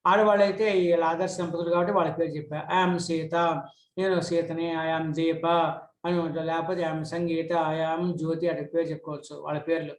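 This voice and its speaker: A middle-aged man who speaks Telugu as his first language teaches English grammar. He reads English examples slowly, then explains them quickly. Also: on the high side, flat delivery. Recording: echoey room.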